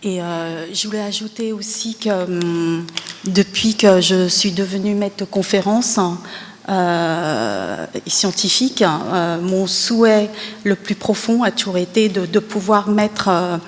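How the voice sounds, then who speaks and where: Woman lecturer from Vietnam, hesitant and filler-heavy, patient explainer; mid pitch, reverberant conference hall. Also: slow, a little hiss or hum. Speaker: university lecturer presenting at a conference. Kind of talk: scientific conference presentation.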